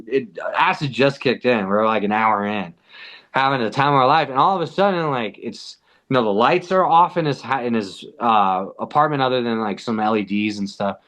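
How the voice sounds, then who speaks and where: Brief: a guy from the border country spinning a casual yarn, mid-pitched, loose and profane. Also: brisk, fairly bright tone. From US–Mexico border region. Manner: loose, slangy, heavy on "like" and swearing. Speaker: podcast guest. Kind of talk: casual storytelling.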